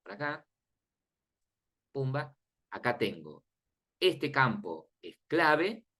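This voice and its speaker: A man's voice: medium pitch, very animated, very slow, pushed and bright. A man teaching a class, explaining step by step and often checking that the students follow, in an informal, friendly manner. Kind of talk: classroom lecture on databases.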